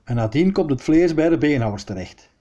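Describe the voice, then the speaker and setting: Mellow Flemish man reading local history. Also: fairly high pitch, animated, brisk, highs cut off. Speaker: storyteller.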